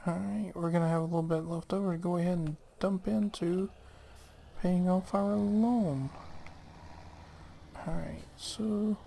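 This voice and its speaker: A man's voice: high-pitched, fairly even intonation, measured pace, creaky, warm tone, slight background noise. A man casually talking through his gameplay, muttering to himself and often dropping to a near whisper. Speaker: gaming channel host.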